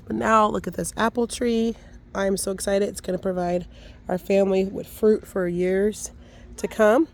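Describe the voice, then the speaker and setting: A woman hosting a casual tour of her home garden outdoors, her voice raspy from a cold, upbeat and thankful as she points things out. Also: medium pitch, a little mellow. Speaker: gardening vlogger.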